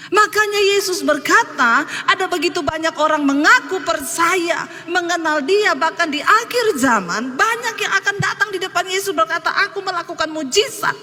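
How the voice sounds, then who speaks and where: A woman pastor preaches with a high, bright, ringing voice, telling stories with lively, animated delivery. Her words carry a long church reverb over faint room ambience. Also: moderate pace. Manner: lively storytelling, acts out quotes. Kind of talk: sermon.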